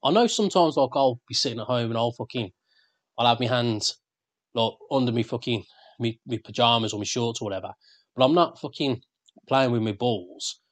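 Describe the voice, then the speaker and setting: A man's voice: medium pitch, brisk, no room sound. A man, co-hosting a podcast in casual banter, rambling and swearing freely. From England. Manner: sweary, rambling, laughs often. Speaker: podcast co-host.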